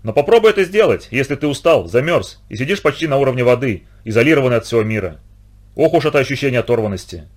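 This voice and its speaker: A man reading a first-person adventure novel aloud as an audiobook narrator, in an expressive, dramatic way. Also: mid-range voice, fast talker.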